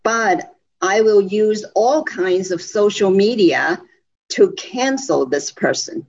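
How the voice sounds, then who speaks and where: A woman interpreting a sermon phrase by phrase, slow and measured with small hesitations, heard over a muffled phone line. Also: medium pitch, a little mellow.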